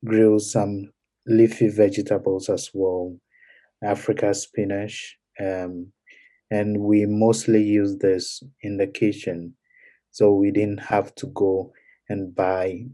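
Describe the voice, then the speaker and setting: A young man with a Ghanaian accent, a guest in a podcast interview, speaking in a measured way with frequent pauses and fillers. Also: lowish voice, little pitch movement, warm tone. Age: young adult.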